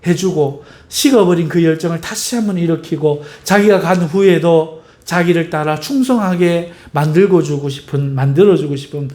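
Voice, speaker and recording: High-voiced man preaching a sermon. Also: moderate pace, few pauses. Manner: preaching with rhetorical questions to the congregation; emphatic, swinging in pitch and loudness. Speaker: pastor.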